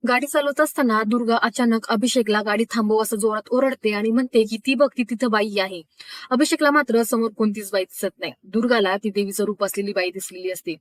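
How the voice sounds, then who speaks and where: Woman storyteller, casual serial recap, fairly high pitch, dry close sound. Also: fairly even intonation, a little fast, few pauses, no room sound. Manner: plain storytelling, acting out every line. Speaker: narrator. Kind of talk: casual retelling of a TV serial episode.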